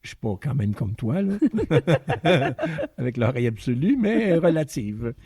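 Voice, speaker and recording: Québécois guy spinning a story, lots of acted-out dialogue, warm dark voice, dry close sound. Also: medium pitch, a little slow, breathy edge, no echo. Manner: animated storyteller who acts out quoted dialogue. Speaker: guest singer-songwriter and voice teacher. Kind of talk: casual storytelling interview.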